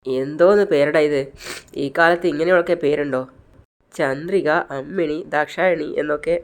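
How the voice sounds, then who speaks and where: A man's voice: on the high side, moderate pace, clean tone, natural voice. A man voicing mocking young male college bullies who tease a newcomer. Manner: mocking, teasing.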